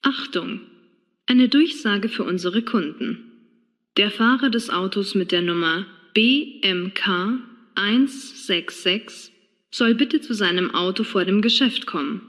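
Slow woman on a store loudspeaker. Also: medium pitch, big-room sound. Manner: slow, formal and clearly spoken. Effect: store public address loudspeaker announcement. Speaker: shop announcer. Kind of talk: scripted exam listening recording.

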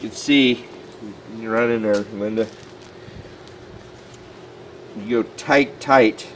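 Low-quality audio with slight background noise captures a man with a lowish voice speaking a little slowly. He's a taxidermist out on concrete by a building, casually walking the camera through the job, thinking aloud in plain words cluttered with fillers.

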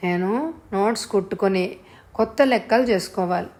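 A woman's voice: mid-range voice, moderate pace, darkish tone, close to an everyday voice. A woman voicing a shy teenage boy who answers defensively and mumbles his promises.

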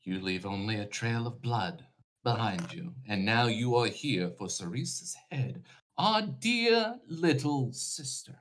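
Man playing a haughty, slow frost giant. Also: mid-range voice, animated, fairly bright tone, voice pushed up. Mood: accusing. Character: haughty, accusing frost giant, coldly mocking.

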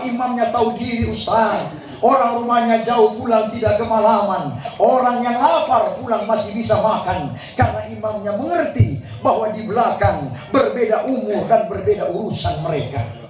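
A man with a Gorontalo accent preaching a humorous sermon to an audience, joking and breaking into chanted Quran recitation. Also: extremely high pitch. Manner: jokey, animated, chanting recitation in between. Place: large tent venue with audience. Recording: echoey, distant crowd recording.

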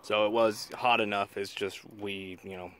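A young man hosting a casual outdoor cooking demonstration beside a highway, explaining things in an easygoing, joking way. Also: little pitch movement, normal speed, a bit bright. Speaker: vlog host. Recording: noisy outdoor phone recording.

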